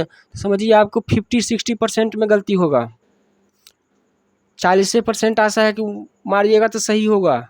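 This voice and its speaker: A woman with a Bihari accent teaches grammar in a dry, close-sounding recording. She asks her listeners a question, then answers it herself, and keeps going back over each point. Her pitch sits in a middle range. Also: darkish tone, no echo. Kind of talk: classroom grammar lesson.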